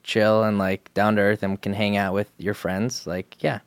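A man's voice: lowish voice, little pitch movement, moderate pace, dry recording. A young man guesting on a podcast, talking loosely with lots of fillers. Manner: loose, filler-heavy, many likes. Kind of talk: casual chat.

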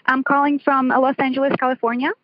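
A woman phoning in to a call-in show, her high voice coming through a dull, muffled line. She talks haltingly, with fillers and restarts. The sound is close and dry. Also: little pitch movement, no echo. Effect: caller heard over a phone line. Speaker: caller to a call-in podcast.

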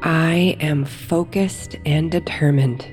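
A woman guiding a meditation and affirmations in a soothing, hushed sleep story narrator manner, with new-age music behind her. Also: low voice, slow pace. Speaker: meditation guide. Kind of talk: slow guided meditation and affirmations. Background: new-age music with singing bowls.

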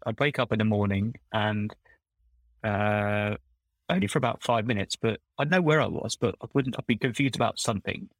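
The rough recording, free of room sound, captures a fairly low, creaky, slightly bright voice belonging to a middle-aged man, once a recruiter and now a coach. He's chatting casually on a podcast, storytelling in a rambling manner and often correcting himself.

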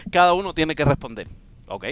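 A man on a comedic podcast, talking in a playful, lively way. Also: a little high, a little fast. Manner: playful, sing-song, lively. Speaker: podcast co-host. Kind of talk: casual comedic banter.

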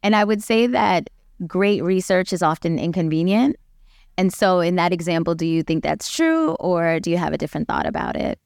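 Smooth-voiced woman hosting a podcast. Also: lowish voice, animated, normal speed, a little mellow, dry recording, clean studio sound. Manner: encouraging, with frequent short affirmations. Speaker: podcast host. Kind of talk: interview hosting.

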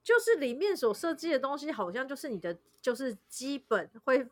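A woman's voice: high voice, sing-song, brisk, dry recording, studio quality. A woman with a Taiwanese accent in casual chat, talking in an informal, plain-spoken way.

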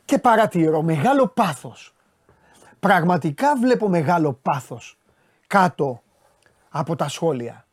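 A man's voice: a little high, very animated, long pauses, no room sound, clean studio sound. A man with a Greek accent hosting a sports talk show, casually and exasperatedly scolding his viewers with rhetorical questions. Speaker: sports commentator host.

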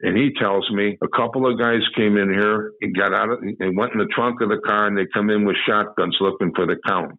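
A man's voice: lowish voice, fairly even intonation, brisk, hardly any pauses. A man telling a first-person story in a rambling way, often repeating and restarting his sentences. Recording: tinny phone-like audio.

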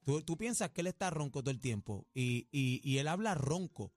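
Guy co-host teasing everyone, bouncy higher voice, dry mic. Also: lively intonation, moderate pace, no room sound, soft background music. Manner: playful, mocking banter. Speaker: radio co-host. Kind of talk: gossip chat on radio.

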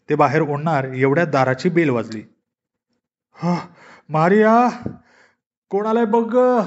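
A man narrating a comic short story in a steady, expressive storytelling manner. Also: a little high. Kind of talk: storybook reading. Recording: dull lo-fi recording.

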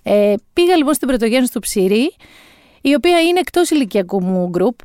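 A woman's voice: fairly high pitch, big pitch swings, darkish tone, clean tone, dry recording. A woman in her forties telling a comic story in a wry, self-mocking way, close to the mic. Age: 40s. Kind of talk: comic monologue.

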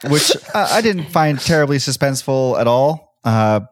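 A man's voice: medium pitch, animated, moderate pace, no echo, clean studio sound. A man co-hosting a podcast in easygoing casual chat, hesitating with "uh". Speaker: podcast co-host.

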